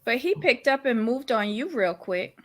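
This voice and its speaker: Her fairly high pitch swings widely while she keeps a normal pace and a fairly bright tone. As co-host of a reality-show recap podcast, she trades casual commentary that's blunt, sassy and exasperated.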